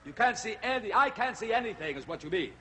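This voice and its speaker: A man's voice: high voice, animated, fast, fairly bright tone. A man playing a pompous, exasperated vampire count in a children's TV comedy, bossy and melodramatic. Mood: impatient. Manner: melodramatic, bossy, swinging from whine to command. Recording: faintly noisy vintage TV soundtrack.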